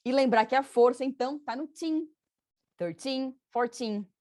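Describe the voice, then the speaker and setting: Chatty teacher, dry close sound. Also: female voice, high-pitched, fairly quick, darkish tone, no room sound. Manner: chatty, often checks in with "tá?"; explains patiently, repeats examples. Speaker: English teacher. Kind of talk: casual online lesson.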